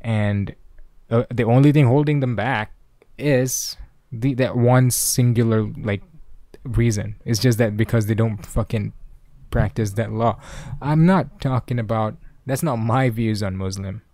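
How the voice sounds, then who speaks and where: A man's voice: mid-range voice, a little slow, dark tone, no room sound. A young man hosting a casual solo podcast, rambling and swearing as he talks things through, laughing now and then. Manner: rambling, profane, laughs often. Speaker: podcast host. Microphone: desk microphone, clipping.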